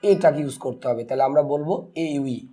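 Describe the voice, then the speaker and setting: A man with a fairly high but mellow voice teaches a grammar lesson. He keeps asking questions and answering them himself, and he stretches out example words slowly. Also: faint music behind. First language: Bengali. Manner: slow deliberate spelling and pronouncing of words. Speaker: English teacher.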